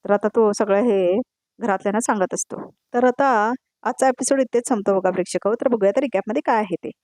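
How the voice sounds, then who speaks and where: Fast-talking Marathi woman narrator. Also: medium pitch, warm tone, no room sound, studio quality. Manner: repeats a fixed tag after each quoted line and speaks directly to the viewers. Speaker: serial recap narrator. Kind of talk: voice-over episode retelling.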